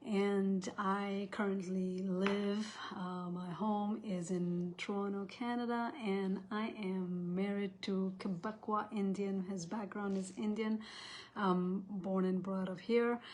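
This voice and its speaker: A woman's voice: mid-range voice, steady tone, slow, a little mellow, a little hiss or hum. A woman in her thirties from Nepal, hosting a casual livestream in a chatty, rambling way, often restarting sentences. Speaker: host.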